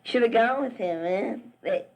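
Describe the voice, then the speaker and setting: In poor-quality audio, a very high-pitched, gravelly voice belongs to a Southern-accented Virginia teen who wrestles in high school. Talking at a normal speed, he chats to a friend back home like he's using a tape recorder, rambling from one idea to the next with plenty of "uh" and restarts.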